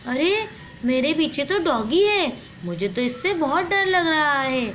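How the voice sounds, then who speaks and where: Woman voicing a scared little girl doll, whiny, pleading, high bright voice. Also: animated, unhurried, slight background noise. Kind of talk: doll play story acting.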